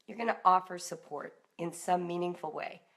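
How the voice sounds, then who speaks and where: A middle-aged American woman, a parenting and homeschool coach hosting a live broadcast, talks informally to parents. Her voice is lowish and gravelly at a moderate pace, direct and emphatic as if chatting with her listeners.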